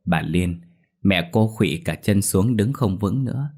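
A man narrating a ghost story in a slow, solemn storytelling manner. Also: low-pitched, expressive, warm tone, breathy edge.

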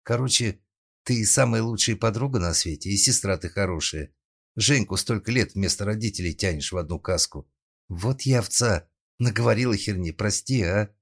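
A man's voice: fairly low pitch, moderate pace, husky. A man voicing a brash, tipsy, impulsive young woman in an audiobook, speaking flippantly. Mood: coaxing.

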